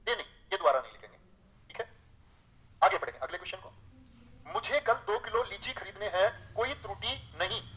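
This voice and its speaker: A male teacher leads a live online grammar class. He reads each example sentence aloud slowly, then corrects it. He keeps quizzing his students with questions and calls them dear friends. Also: high voice, lively intonation, sharp tone, rough recording.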